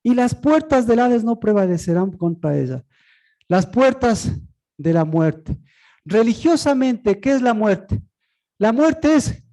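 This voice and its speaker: A preacher giving a sermon, asking and answering their own rhetorical questions, with sudden swings from loud high cries down to low murmurs. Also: low-quality recording.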